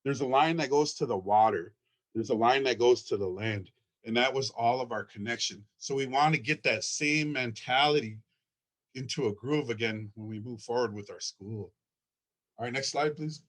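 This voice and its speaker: A man presenting his school at a conference, earnest and excited, often repeating words as he talks through his slides. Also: medium pitch, moderate pace. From Ojibwe, from Minnesota.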